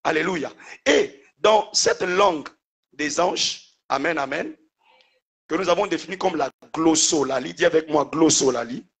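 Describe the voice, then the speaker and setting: A man's voice: fairly high pitch, fairly bright tone, husky. A man preaching a sermon as a pastor, calling out to the congregation and having them repeat after him. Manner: preacher calling out "Alléluia" and "Amen", call-and-response with the congregation.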